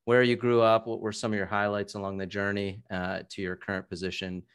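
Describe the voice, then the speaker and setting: A man's voice: on the low side, level tone, a little fast, clear, resonant tone, no echo, studio quality. A man co-hosting an interview podcast in a casual, conversational style. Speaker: podcast co-host.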